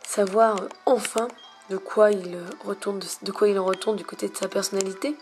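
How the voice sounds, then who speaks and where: Casting: young woman, hushed library-quiet voice, lyrical and halting game commentary, soft music behind. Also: fairly even intonation. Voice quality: low-volume, hushed voice slipping into whispers. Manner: lyrical, florid wording with many hesitations. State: slight cough lately. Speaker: video game player narrating own recording.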